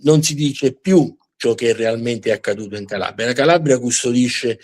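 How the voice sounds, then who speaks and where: A man speaks as the host of a live show about history. His talk is unscripted and halting, with words repeated while he searches for how to put things. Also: medium pitch, darkish tone.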